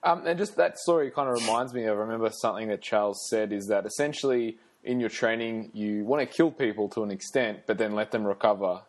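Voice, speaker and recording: A man hosting a podcast interview, relaxed and encouraging as he asks his questions. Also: on the low side, fast talker, hardly any pauses. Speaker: podcast host. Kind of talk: casual interview.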